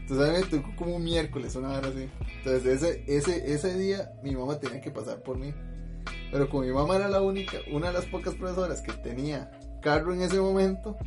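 A man with a Costa Rican accent telling a story in casual chat, lively and full of slang fillers, often laughing. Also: fairly high pitch. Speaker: podcast host telling a story.

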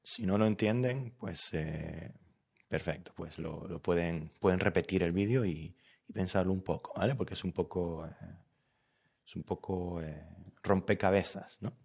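A man with a lowish voice leads a live online language lesson, explaining patiently. He talks slowly and keeps checking that his students follow along. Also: gravelly, darkish tone, husky. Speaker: Spanish teacher.

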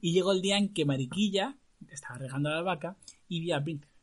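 A man telling a folk tale aloud to a listener in a lively, earthy, colloquial way. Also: a little high, quick pace. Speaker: storyteller.

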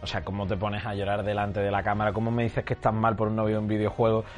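A man's voice: on the low side, monotone, fast talker, soft background music. A man hosting a podcast, asking teasing, playful questions in a casual interview. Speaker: podcast host.

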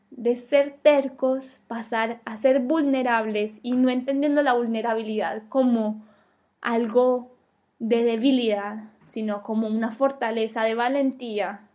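A woman gives an emotional personal testimony at an unhurried, drawn-out pace. Her voice sits a little high, and she pauses often with soft hesitations as she reflects. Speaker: personal storyteller.

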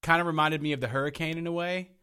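A man co-hosting a podcast, talking in a casual, animated way with lots of restarts and trailing thoughts. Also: a little high, very fast, clear, resonant tone. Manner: animated, rambling, frequent restarts. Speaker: podcast co-host. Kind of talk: casual chat.

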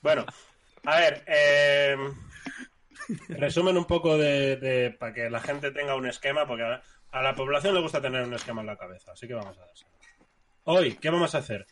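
A man's voice: mid-range voice, a little fast, fairly bright tone, a little hiss or hum. Rambling man hosting a podcast. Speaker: podcast co-host. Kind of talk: casual chat, introducing the episode.

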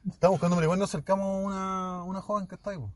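A man's voice: high voice, fairly even intonation, rapid-fire, a crowd in the background. A young man with a Chilean accent, telling crude, boastful stories in a casual chat. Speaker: podcast co-host.

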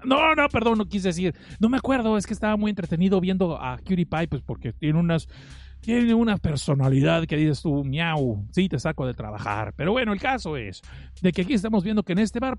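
A man's voice: high-pitched, darkish tone. A man with a Mexican accent hosting a podcast, recapping a film in a rambling, joking way that keeps interrupting itself. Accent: Mexican Spanish. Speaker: podcast host.

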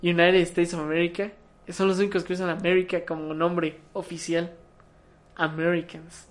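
Here the same Mexican-accented co-host speaks at a moderate pace, his voice sitting high with a level tone. It's relaxed podcast banter, full of ribbing aimed at his friend and casual cursing.

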